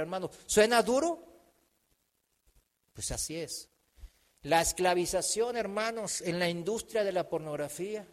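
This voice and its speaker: Male pastor preaching in a church hall, alternating emphatic and quiet delivery. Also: high-pitched. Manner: preaching, swings from loud emphatic lines to hushed ones. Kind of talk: sermon.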